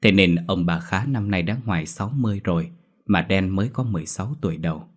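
A man narrating a horror story in a steady, measured storytelling voice. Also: deep voice.

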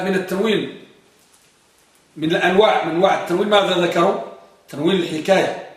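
A man teaches grammar to a class. He quizzes his students and drawls out examples and lines of verse in a slow chant. He sounds set back from the mic in a strongly echoing classroom. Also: sits high. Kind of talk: classroom lesson with questions to students. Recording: echoey classroom from far off.

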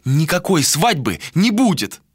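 A man voicing a frightened, defiant young woman in an audiobook, raising his voice high for her pleading cries. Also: big pitch swings, a little slow, breathy edge, dry recording, clean studio sound, full character voice. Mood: desperate. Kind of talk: audiobook character voice.

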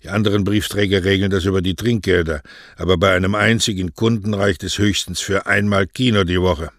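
A grumpy, lazy older postmaster, voiced by a man reading aloud, blunt and sour in every word. His voice is low and rather deep. It is recorded dry and close, like a storybook. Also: steady tone, fairly quick, fairly bright tone, no echo. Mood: grumbling.

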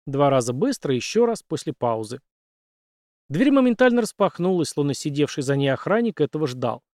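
A man narrating an audiobook in a steady, measured way. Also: medium pitch, dry recording, clean studio sound.

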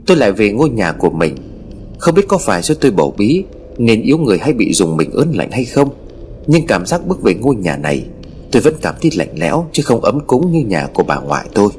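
A man narrating a first-person ghost story in a scripted, expressive storytelling manner. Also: on the low side, slight background noise. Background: faint music.

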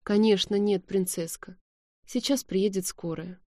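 A woman voicing a devoted, protective young man, soothing and hushed, in a dry, close audiobook reading. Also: mid-range voice, steady tone, unhurried, no room sound, close to an everyday voice. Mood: tender.

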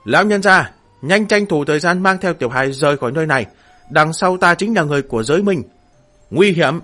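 A man's voice: mid-range voice, expressive, quick pace, fairly bright tone, slightly rough, faint music behind. A man voicing an earnest, wounded young man who speaks urgently, then respectfully. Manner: urgent, pleading warnings.

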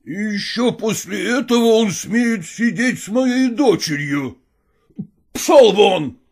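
A woman's voice: medium pitch, lively intonation, a little slow, voice pushed down. A woman voicing a furious old nobleman. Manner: blustering, shouting. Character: enraged old male nobleman, bullying master.

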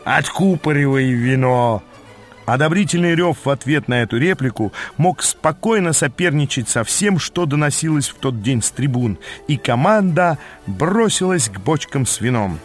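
A man reading a fantasy novel aloud as narrator, in an even storytelling delivery. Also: on the high side, moderate pace, soft background music. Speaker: audiobook narrator.

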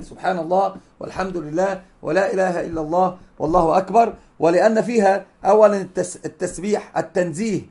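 A man's voice: high-pitched, darkish tone. A man giving a religious lesson, emphatic and repeating key phrases as he explains texts. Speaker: sheikh teaching hadith.

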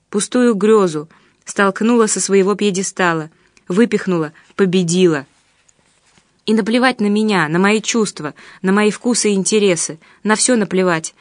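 A woman's voice: mid-range voice, dry recording, clean studio sound, close to an everyday voice. A woman reading the part of a bitter, resentful man who rants heatedly and accusingly in an audiobook. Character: bitter, resentful man ranting about his lover.

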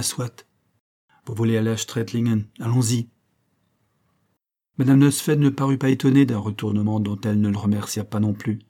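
Casting: male audiobook narrator, low dark voice, steady literary reading.

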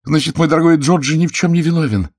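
A man voicing an excited young woman who protests on her fiancé's behalf. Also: on the high side, fast talker, no room sound, clean studio sound, voice pushed up. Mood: jubilant. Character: excited young woman Molly, devoted daughter.

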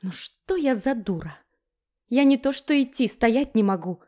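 Woman doing flustered squeaky young woman. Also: lively intonation, a little slow, mellow. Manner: high, breathless and flustered.

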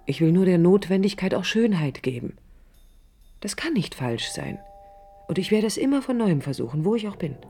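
In a 1980s East German radio play, the lead actress narrates in first person as an idealistic, stubborn young architect, reflective yet defiant, in an introspective monologue. Her fairly low, mellow voice is very animated at a moderate pace, intimate, thoughtful and earnest, sometimes nearly whispering, with a reflective, determined mood. Faint music plays behind.

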